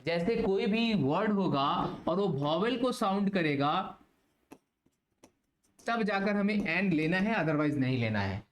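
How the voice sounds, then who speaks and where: High-voiced male grammar teacher in echoey room. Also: animated, unhurried. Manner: asks questions and answers them himself, mixes Hindi and English. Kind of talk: explanatory video lesson. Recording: roomy echo, faint background hiss.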